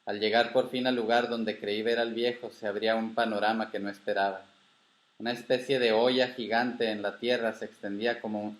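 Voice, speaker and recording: Calm man reading a storybook. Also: on the low side, reverberant. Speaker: author reading his own story.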